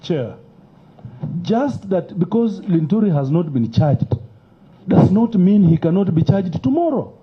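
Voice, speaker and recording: A man's voice: sits high, animated, unhurried. A man, testifying before a parliamentary committee, emotional and insistent, talking over the questioner. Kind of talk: heated testimony at a hearing. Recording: muffled lo-fi broadcast audio.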